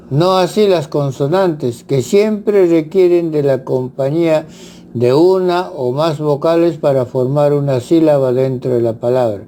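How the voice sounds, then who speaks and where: A man teaching grammar, reading lists of example words in a measured, deliberate way. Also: on the high side, mellow, a little hiss or hum. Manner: measured, spells out examples one by one. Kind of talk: slow instructional reading.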